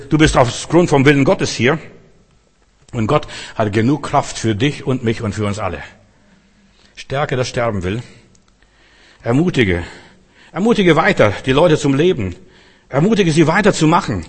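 A male pastor preaching a sermon, repeating key phrases emphatically and swinging between loud calls and quiet asides. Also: mid-range voice, breathy edge.

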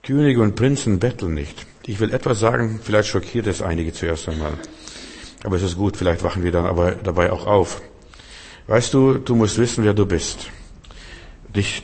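A man with a fairly low voice preaches with emphatic, insistent delivery, addressing the listener head-on in short repeated phrases. His words ring out with a long reverb tail, as in a large hall or church. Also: breathy edge. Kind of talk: sermon.

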